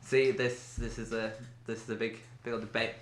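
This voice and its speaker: A man's voice: fairly low pitch, level tone, normal speed, roomy sound, a little hiss or hum. A man from England co-hosting a podcast, chatting casually and laughing often. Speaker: podcast co-host. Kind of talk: casual chat.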